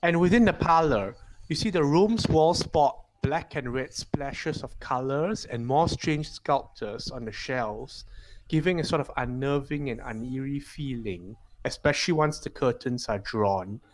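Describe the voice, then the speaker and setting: A game master improvising scene descriptions for a tabletop game in a halting, hesitant way. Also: medium pitch, poor audio.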